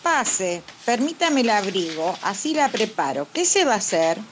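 A woman's voice: mid-range voice, big pitch swings, moderate pace, lightly acted. A woman acting a fussing, placating hairdresser in a radio comedy. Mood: attentive. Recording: clearly noisy recording.

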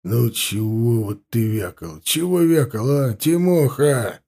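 A man voicing a good-natured middle-aged captain who scolds gently and easily. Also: medium pitch, animated, unhurried. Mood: scolding.

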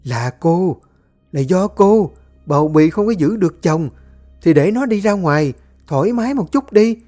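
A storyteller voicing a cruel, domineering older mother-in-law who scolds and shouts. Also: mid-range voice, animated, fast talker, soft background music, pitched above the performer's own voice, close to an everyday voice. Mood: scolding.

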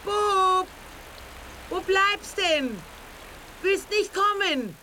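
A bossy granny. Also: female voice, on the high side, sing-song, unhurried, slight background noise. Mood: calling. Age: older. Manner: scolding, bossy, dialect-tinged. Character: brisk, fussing old grandmother. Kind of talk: radio drama acting.

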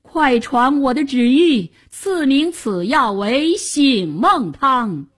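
A woman voicing a commanding male emperor in a told tale, speaking slowly and regally. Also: high voice, animated, breathy edge, pitched above the performer's own voice, exaggerated voice. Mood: delighted.

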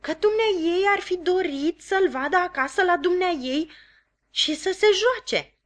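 A woman voicing a gentle, mild-mannered village blacksmith who speaks slowly and politely. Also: very high voice, animated, pitched above the performer's own voice. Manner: slow, polite and hesitant.

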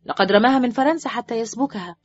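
A woman's voice: on the high side, racing, breathy edge, no echo, pitched above the performer's own voice. A woman reading a dry, irritated surgeon. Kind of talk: audiobook character voice. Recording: dull, dry recording with faint music.

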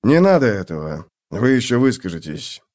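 A man's voice: medium pitch, sing-song, moderate pace, darkish tone, close to an everyday voice. Tired, placating middle-aged sergeant voiced by a man. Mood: weary. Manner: sighing, placating. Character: weary broad-shouldered middle-aged male city sergeant.

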